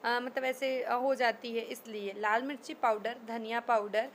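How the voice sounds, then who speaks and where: A woman hosts a casual home cooking vlog, her voice high and hoarse as if nearly gone. She talks straight to her viewers from her kitchen, recorded on a handheld phone with a faint background hiss. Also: fairly even intonation, unhurried, low-quality recording. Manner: chatty, talking straight to viewers. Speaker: vlogger.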